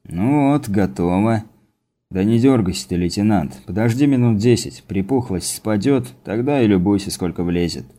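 A man voicing a gruff, blunt male tattoo artist aboard a warship, in an audiobook. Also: fairly low pitch, normal speed, few pauses, mellow, close to an everyday voice.

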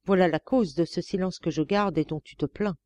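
A woman narrating gives voice to a sultan in disguise who speaks gravely and with scorn. The tone stays mellow and close, in a dry recording with no room around it. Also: fairly low pitch, a little fast, dry recording, close to an everyday voice. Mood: stern. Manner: grave, reproachful tone. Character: sultan feigning a stern, grave lover. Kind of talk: audiobook reading of a classic tale.

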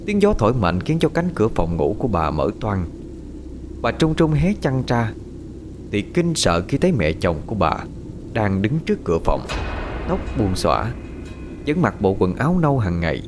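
A man narrating a scripted horror story in a dramatic, expressive way. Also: on the low side, normal speed. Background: faint music.

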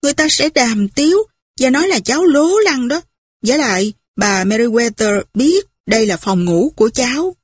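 A woman puts on a timid, fussy middle-aged aunt who frets and scolds in a quick, high, breathy voice. She is easily moved to tears and always flustered. It is an audiobook reading with a dry, close sound. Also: animated, no echo. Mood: flustered scolding. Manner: flustered, fretting, fast.

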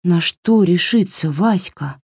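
A woman's voice: on the low side, takes it slowly, a little mellow, breathy edge, no room sound, voice pushed up, full character voice. Woman doing a frightened, stubborn young girl. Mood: anxious. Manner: pleading, anxious.

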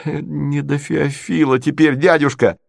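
A man's voice: a little high, steady tone, measured pace, creaky, no echo, clean studio sound, pitched above the performer's own voice, full character voice. A man voicing a flustered young nobleman who pleads with agitation. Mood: pleading.

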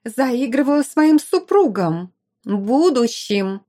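A hysterical, spoiled young noblewoman shrieks at a high, strained pitch, as a woman reading an audiobook puts her on. Her tone stays mellow and warm underneath the yelling. She shouts every word in open fury. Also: measured pace, husky. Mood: shrieking fury. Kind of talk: audiobook character voice.

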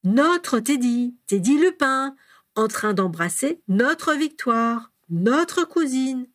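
A woman voicing an excited, breathless young boy who teases his brother, reading aloud in a dry, close recording. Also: medium pitch, moderate pace, close to an everyday voice.

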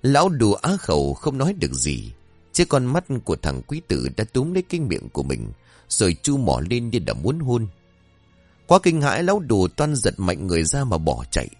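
A man narrating a horror-comedy story in an expressive storytelling voice. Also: on the low side, no room sound.

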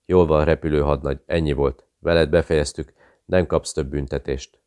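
A man voicing a cold, calculating interrogator who speaks with calm menace. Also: a bass voice, smooth. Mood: coaxing.

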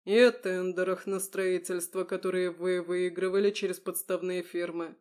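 Storybook lawman: calm male major, crisp and clear, politely cold, as read by a female narrator. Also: on the low side, moderate pace, close to an everyday voice. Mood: pressing. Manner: loud, clear and precise, coolly polite. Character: calm composed male security-service major.

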